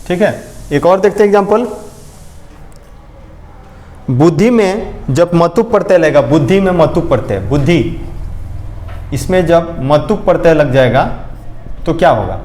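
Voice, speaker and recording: A man's voice: on the high side, expressive, measured pace, long pauses, a little mellow, echoey room. A male teacher giving a lesson, often repeating points and asking questions to check understanding. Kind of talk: classroom lecture.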